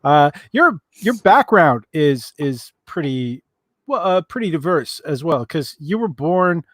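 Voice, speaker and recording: Male interview host, slightly high pitch, dry sound, halting casual delivery. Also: very animated, no echo. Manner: halting, many uhs and restarts. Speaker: podcast host.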